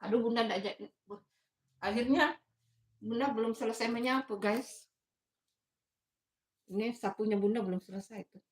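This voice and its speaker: A woman's voice: fairly high pitch, normal speed, long pauses. A woman in her fifties from Makassar, chatting casually with viewers in her bedroom on a livestream. She calls herself Bunda, laughs often and talks in a motherly way. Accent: Indonesian, from Makassar. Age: 50s. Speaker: livestream host. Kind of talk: casual livestream chat, reading viewer comments. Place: bedroom at home.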